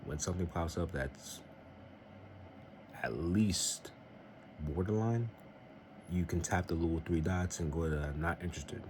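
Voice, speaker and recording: Unhurried and leaving long pauses, a young man with a very deep voice vlogs earnest, somewhat rambling faith-based advice in a casual tone. The audio is a noisy home recording.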